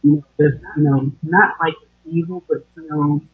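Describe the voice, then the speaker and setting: A man's voice: fairly high pitch, fairly even intonation, moderate pace, slightly rough. A man co-hosting a casual podcast chat, chatty, full of you know, often calling the host girl. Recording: phone-like line.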